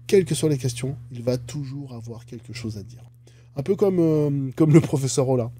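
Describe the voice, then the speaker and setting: Chatty man with a mellow voice. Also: mid-range voice, moderate pace, faint music behind. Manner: chatty, jokey asides. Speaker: stock analysis YouTuber. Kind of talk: casual finance commentary.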